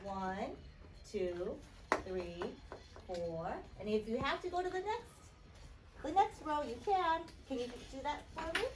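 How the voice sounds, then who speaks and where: Animated high-voiced woman teaching kindergarteners. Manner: encouraging, kids show host-like prompting with repeated short instructions and questions; sounds out letters slowly and repeats them. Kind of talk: interactive classroom lesson to young children. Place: classroom, voice picked up from a distance. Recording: distant mic, noisy classroom.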